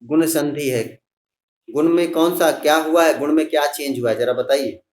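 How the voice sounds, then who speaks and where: Patient teacher spelling out words slowly. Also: male voice, a little high, reverberant. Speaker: Sanskrit teacher. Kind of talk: online class for schoolchildren.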